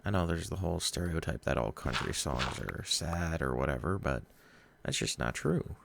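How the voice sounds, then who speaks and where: Deep, gravelly man rambling hesitantly. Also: lively intonation, normal speed. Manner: rambling, hesitant, trips over his words. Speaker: gaming vlogger. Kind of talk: rambling chat while playing a game. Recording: noisy home recording.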